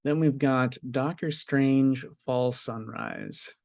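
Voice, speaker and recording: Male host, casual news rundown, unhurried, medium pitch. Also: creaky, a little mellow, no room sound. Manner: unhurried, matter-of-fact. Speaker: podcast host. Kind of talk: casual chat, reading news listings.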